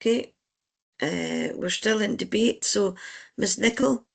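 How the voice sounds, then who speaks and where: Convener with a gravelly voice. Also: mid-range voice. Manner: procedural, measured, polite. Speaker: licensing board convener. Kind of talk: formal meeting chairing.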